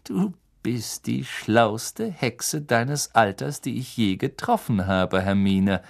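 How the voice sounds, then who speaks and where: A man doing a calm, weary werewolf teacher. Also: medium pitch, pitched above the performer's own voice. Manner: measured, gentle, careful.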